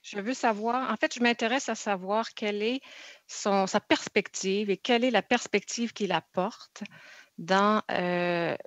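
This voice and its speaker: A woman's voice: medium pitch, fairly bright tone, dry recording. Woman senator asking formal questions. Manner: deliberate, formal, long winding questions. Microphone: video call. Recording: dull lo-fi video call audio.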